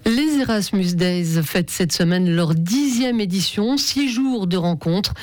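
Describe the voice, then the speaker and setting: A woman reads news copy crisply at a middle pitch. The recording is dry and close. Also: animated, measured pace, a little mellow, no echo, faint music behind. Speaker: news presenter. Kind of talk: news presenting.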